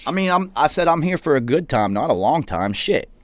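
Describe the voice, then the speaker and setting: A man's voice: a little high, very animated, fairly quick. A middle-aged man with a West Virginia mountain accent chats casually as a host, in a slangy, profane, self-deprecating way. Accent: Appalachian West Virginia mountain accent. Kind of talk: casual chat.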